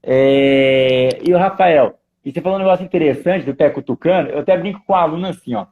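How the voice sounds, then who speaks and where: A man with a Brazilian Portuguese accent, a driving instructor and co-host, chatting in an animated, jokey way during a live stream and reading out viewer comments. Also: on the high side, brisk, phone-quality sound. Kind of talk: casual chat in a live stream.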